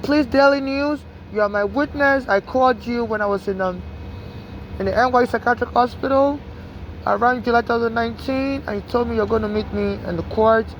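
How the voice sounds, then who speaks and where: The audio is poor, with a little hiss or hum, as a Nigerian woman with a Nigerian-American accent delivers an urgent, rambling street monologue. She speaks fairly quickly in a higher voice, with frequent restarts and "you know."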